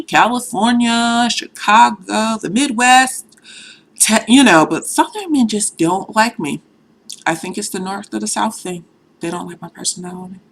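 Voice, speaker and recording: A vlogger from Boston in her thirties, with a medium-pitched, fairly bright voice, chats frankly to camera in a casual vlog. Her faint Boston accent comes through now and then, and "you know" crops up constantly.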